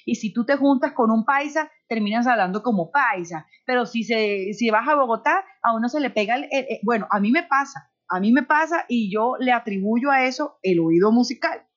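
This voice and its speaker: This woman's voice is fairly high and expressive, moving at a moderate pace with few breaks. She's a radio host from Barranquilla, Colombia, speaking as a guest in a conversational interview full of personal stories, her Caribbean coastal accent somewhat neutralized. The sound comes through a dull, lo-fi internet call.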